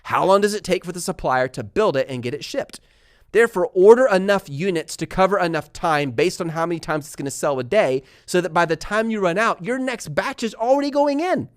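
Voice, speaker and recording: A man from Texas and California hosting a casual live stream, talking fast and energetically while reading viewer comments aloud. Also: sits high, lively intonation, dry recording, studio quality. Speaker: livestream host answering viewer questions.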